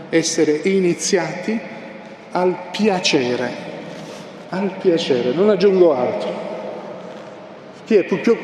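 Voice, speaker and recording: A man's voice: fairly high pitch, a little mellow. A male preacher giving an impassioned sermon, pressing his points with emphatic repetition. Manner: impassioned, emphatic, repeats key phrases. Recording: echoey hall with long reverb, faint noise.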